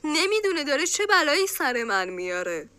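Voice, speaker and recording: A woman gives an upset teenage girl in a storybook a high, bright voice. She snaps and sulks under stress, with a sullen edge. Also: sing-song, slight background noise, full character voice. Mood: bitter. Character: angry stressed teenage schoolgirl.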